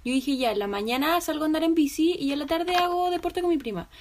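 Young chilean girl on a call, high voice, rambly slangy storytelling. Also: fast, a little mellow. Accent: Chilean Spanish. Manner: chatty storytelling, lots of slang fillers. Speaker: podcast co-host. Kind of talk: casual chat between friends.

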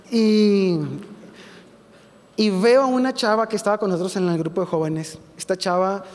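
A man's voice: sits high, a little mellow, in a large hall. A man with a Mexican accent preaching in a vivid, conversational storytelling style, sharing a personal testimony. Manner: vivid, conversational storytelling with frequent self-corrections. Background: music.

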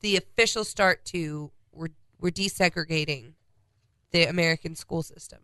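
A woman's voice: low-pitched, normal speed, sharp tone, dry recording. A congested woman co-hosting a casual podcast, reading out a timeline of historical dates. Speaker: podcast co-host.

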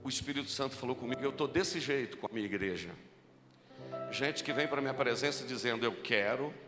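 Brazilian pastor preaching in a reverberant church. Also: male voice, fast talker. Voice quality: deep, strong voice. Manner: storytelling preacher, repeats key lines, rising to fervent exhortation. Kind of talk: sermon. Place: large church hall. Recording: live church recording with long reverb and music.

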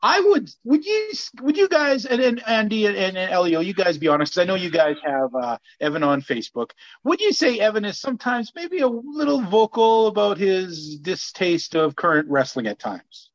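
A man hosts a casual chat with a lively, swooping voice pitched a bit high. He is informal and jokey, on slightly lo-fi audio. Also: moderate pace, few pauses. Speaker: show host.

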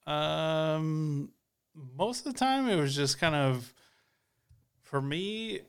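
A man's voice: a little high, very animated, very slow, clear, resonant tone. A man talking casually and hesitantly on a podcast, with lots of filler words. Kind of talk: casual chat.

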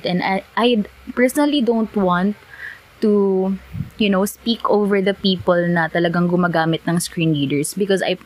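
Casting: female Filipino podcast host, mid-pitched voice, casual Tagalog-English mix, thinking aloud and correcting herself. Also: rough recording. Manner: switches between Tagalog and English (Taglish). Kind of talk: casual solo podcast chat.

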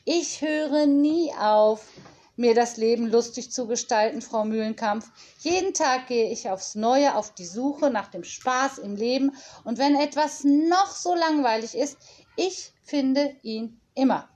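A whimsical nanny speaks in a bright, high voice full of playful calm, voiced by a woman reading a storybook. She takes her time over every word, relaxed and unflappable. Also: a little slow. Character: cheerful whimsical female nanny teacher.

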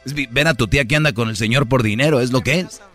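Radio co-host, bright voice, sarcastic needling banter. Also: male voice, medium pitch, quick pace, soft background music.

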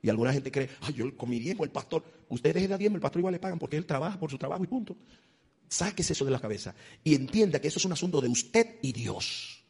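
Husky male preacher, swings his pitch all over, church reverb trailing. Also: quick pace. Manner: animated preaching, rising to loud high exclamations; acts out voices of God and churchgoers. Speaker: pastor. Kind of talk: sermon. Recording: long hall reverb.

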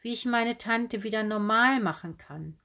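An eager, anxious little girl from a children's story, played by a woman. Her voice sits high and pushes forward urgently as she pleads for help. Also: unhurried, bright, forceful tone.

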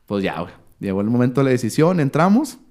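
A man in his thirties with a Mexican Spanish accent, a sports commentator telling a story as a podcast guest in a casual, slangy, animated way, acting out what others said. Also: medium pitch, quick pace. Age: 30s.

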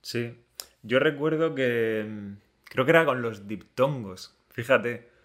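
A man in a casual conversation, relaxed, often putting in brief agreeing murmurs. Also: medium pitch, slow.

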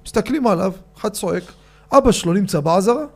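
A man giving a rabbi's storytelling sermon, animated and addressing his audience directly. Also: high-pitched.

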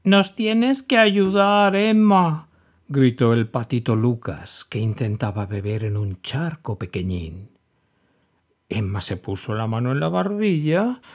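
A male storyteller reading a children's tale slowly and expressively, his pitch swinging widely. His voice is slightly husky and sits a little high. The recording sounds dull and lo-fi. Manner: expressive, animated.

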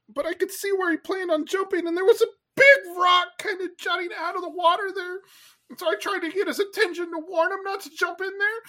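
A woman's voice: very high voice, sharp tone. A woman voicing an anxious male cat who tells a story in a rambling, teary way.

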